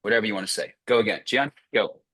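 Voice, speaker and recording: A man's voice: on the low side, fast, fairly bright tone, slightly rough, dry recording. A man coaching sales closers on a group video call, blunt and profane, firing off short commands.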